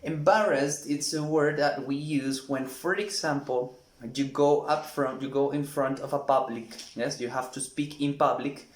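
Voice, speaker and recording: A man teaching English vocabulary in a lesson, acting out each example in an animated way. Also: medium pitch. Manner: slow, animated, acts out examples. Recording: echoey room.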